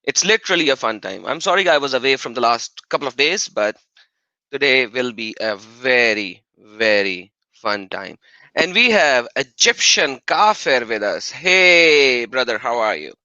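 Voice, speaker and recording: A man hosting a casual live stream, enthusiastic and quick to laugh. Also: medium pitch, sing-song, bright, forceful tone, no echo. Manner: upbeat, enthusiastic, laughs often. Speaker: livestream host. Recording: dry, dull lo-fi stream audio.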